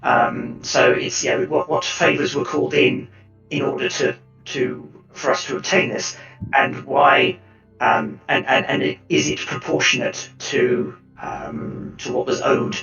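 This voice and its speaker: A hooded augmented figure whose voice is run through a voice changer, as a man puts him on, gravelly and halting, pausing often between words. It sounds echoey and far from the mic, dull in tone, with music playing behind. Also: mid-range voice, steady tone, bright, forceful tone. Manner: halting, hesitant, full of fillers. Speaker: tabletop game player.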